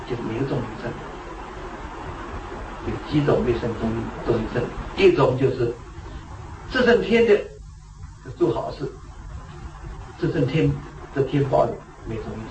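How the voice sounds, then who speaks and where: Man giving a Buddhist talk from far off. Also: mid-range voice. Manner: storytelling, asks rhetorical questions. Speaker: Buddhist teacher. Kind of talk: dharma talk. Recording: echoey room, distant mic, noisy.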